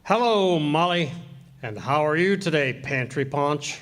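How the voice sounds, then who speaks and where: A man's voice: on the high side, animated, unhurried, a bit bright. A man acting a pompous, wordy, teasing doctor in a 1940s radio comedy, with grandiose phrasing. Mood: jovial teasing. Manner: grandiose, florid.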